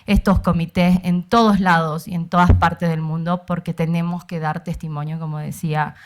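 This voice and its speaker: A woman's voice: on the low side, little pitch movement, normal speed. A woman giving an impassioned political speech on a panel, rallying and repeating phrases, with frequent fillers. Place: university auditorium.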